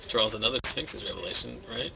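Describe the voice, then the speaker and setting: A man giving relaxed, rambling commentary on a card game match, thinking aloud. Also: medium pitch, a little fast, creaky, poor audio. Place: game store. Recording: background noise in a game store.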